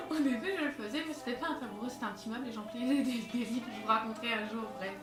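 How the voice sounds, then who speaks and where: A woman's voice: a little high, fast talker, recorded from a distance. A young woman chatting to her phone camera in a bedroom, rambling with many fillers and a little out of breath. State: slightly out of breath. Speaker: beauty vlogger. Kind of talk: casual chat to camera. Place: bedroom with skylight, indoors. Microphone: phone camera, no tripod. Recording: echoey room, phone held away, music behind.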